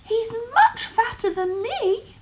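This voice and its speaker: A tiny young billy goat pleads in a thin, high voice, as a woman reading aloud puts him on. He is frightened but quick-witted, and it is pitched well above a normal speaking voice. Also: very animated, heavily acted. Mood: pleading.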